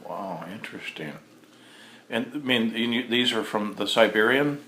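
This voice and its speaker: Low-voiced male interviewer in an echoey room. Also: animated, sharp tone, slight background noise. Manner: curious, halting with frequent fillers. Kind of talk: casual interview. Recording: echoey room with faint ambience.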